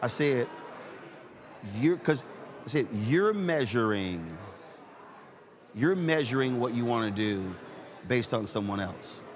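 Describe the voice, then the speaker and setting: Hosting a talk show, a man in his fifties conducts a conversational interview with personal anecdotes, building points emphatically through repeated words. His medium-pitched voice has lively intonation, a slow pace, and frequent pauses.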